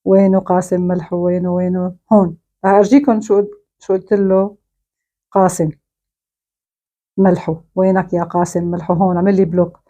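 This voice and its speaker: A woman's voice: fairly low pitch, level tone, fairly quick, long pauses, warm tone. A woman with a Syrian Arabic accent, delivering a mocking, scolding monologue straight to camera. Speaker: online commentator.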